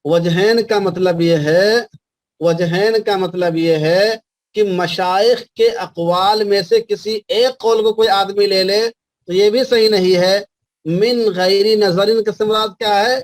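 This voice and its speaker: A man from India teaching a class on Islamic law, slowly repeating references for students to write down and often checking whether they understand. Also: sits high, steady tone, no echo. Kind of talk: classroom lecture dictating notes.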